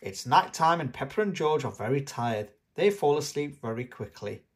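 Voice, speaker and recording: An adult channel host reads a children's storybook aloud from a script, speaking directly to young kids with expressive, lively intonation. The voice is mid-range and the pace moderate.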